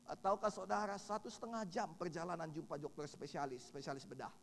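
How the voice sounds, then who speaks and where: A man preaching a sermon as pastor in a large church, shouting at climaxes and joking with the congregation. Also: a little high, expressive, fast talker, creaky, slight background noise. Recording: live church hall reverb with music.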